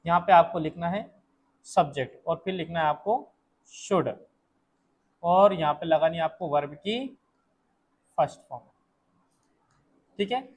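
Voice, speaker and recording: Slow and repetitive, this Hindi-accented male teacher runs an English class, quizzing students as he goes over each point again. His voice is slightly high, captured in a low-quality recording.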